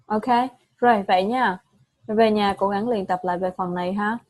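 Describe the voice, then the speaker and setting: A woman's voice: mid-range voice, moderate pace, darkish tone. A woman with a Vietnamese accent teaching English pronunciation, repeating words and correcting a student patiently. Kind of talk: online pronunciation lesson.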